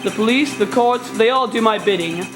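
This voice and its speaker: Someone doing a smug pompous villain boss for a video game, showy and condescending, loud music under it. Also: medium pitch, brisk, lightly acted. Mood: smug, threatening. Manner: grandiose, condescending, showy wording.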